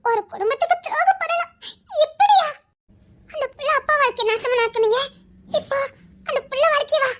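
A woman playing a sobbing young wife, very high-pitched. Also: steady tone, fairly quick, sharp tone. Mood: tearful, anguished. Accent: Tirunelveli Tamil. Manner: sobbing, breaking voice, repeated pleas. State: crying. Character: distraught young wife, weeping, frightened, threatening to leave. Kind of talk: tearful melodrama.

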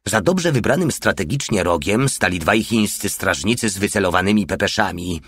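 A man reading an audiobook in steady, wry scripted narration. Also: sits low, normal speed, husky, dry recording.

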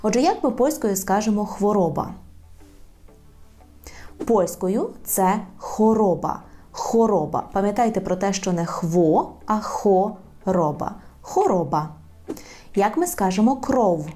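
A woman teaching a language in a video lesson, repeating words slowly and carefully. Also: mid-range voice, expressive, mellow, soft background music. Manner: slow, careful repetition of words.

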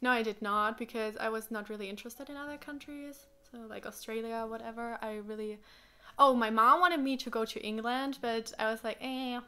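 Speaking fairly quickly in a bright, forceful, smooth voice with fairly high pitch, a young German-speaking woman answers questions in a casual chat. The setting is a small indoor living room with a sofa, and her talk is packed with fillers and acted-out quotes.

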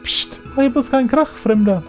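A fretful, haughty noblewoman, put on by a man in a shrill falsetto. She speaks far above his normal pitch, looking down on a stranger. Faint game music plays behind her. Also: moderate pace.

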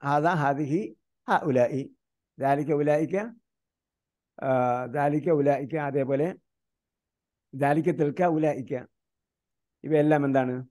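Man from India teaching grammar online, mellow voice, keeps quizzing students and spells terms out slowly. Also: fairly high pitch. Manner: quizzes students with repeated questions.

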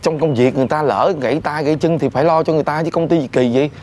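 An actor playing a cheeky, nosy restaurant worker, speaking with a Southern Vietnamese accent in a teasing, nagging comedy sketch. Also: male voice, on the high side, very fast, darkish tone, slight background noise, close to an everyday voice. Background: background music.

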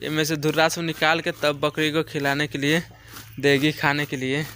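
A young man chats his way through a casual vlog, filming himself on a phone held at arm's length. His voice sits a little high and comes across bright and forward. Faint outdoor noise runs underneath. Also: little pitch movement, normal speed. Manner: chatty, walking narration to a handheld camera. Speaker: vlogger. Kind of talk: casual village vlog narration. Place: outdoors in a foggy village field. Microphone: phone camera held at arm's length.

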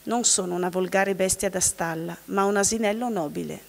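A woman's voice: mid-range voice, a little fast, creaky. A woman reading aloud the lines of a proud young donkey prince in a fairy tale. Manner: read aloud plainly. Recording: long hall reverb.

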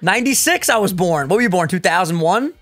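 A man in his twenties co-hosting a gaming playthrough, chatting casually and teasing his friend with quick laughs. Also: high voice, expressive, fairly bright tone, no room sound. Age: 20s. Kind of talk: casual chat over gameplay.

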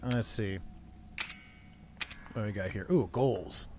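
A man's voice: fairly low pitch, slow, darkish tone, a little hiss or hum. A young man hosting a gaming video, chatting and joking casually and reading on-screen text aloud. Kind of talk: casual gameplay commentary.

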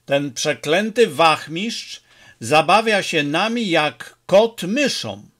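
A man's voice: fairly high pitch, lively intonation, slow pace, a bit bright. A man voicing a sullen, scheming male henchman in a storybook reading, talking grimly. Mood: warning.

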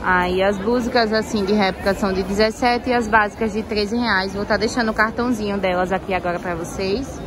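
A woman's voice: mid-range voice, steady tone, brisk, few pauses. A woman touring a clothing market on her phone camera, talking through a face mask and pointing things out to viewers. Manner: chatty, keeps saying "ó" and "olha só" to viewers. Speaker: shopping vlogger. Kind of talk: casual market tour vlog. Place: busy indoor clothing market. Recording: crowded market noise behind.

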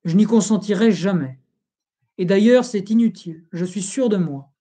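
Audiobook: reader doing an older king facing death, calm authority, warm low tone. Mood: indignant. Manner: measured, commanding tone.

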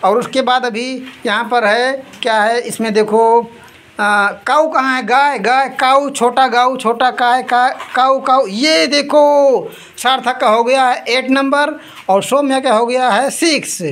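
High-voiced woman calling out a kids' game. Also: fairly even intonation, a bit bright. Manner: repeats item names rapidly to urge the children on; scolds and laughs between rounds. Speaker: host running a toy-finding game for two children. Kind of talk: lively play-by-play commentary for kids.

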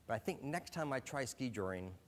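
A man's voice: mid-range voice, animated, a little fast, a little hiss or hum. Man telling a comic story on stage. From Alaska. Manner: self-deprecating storytelling with comic timing. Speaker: speaker. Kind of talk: humorous short stage talk.

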